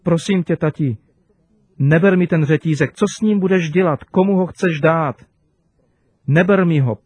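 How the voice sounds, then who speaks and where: A man voicing a loving, excitable little girl who pleads and cries out with emotion. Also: on the high side, husky, no room sound. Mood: pleading.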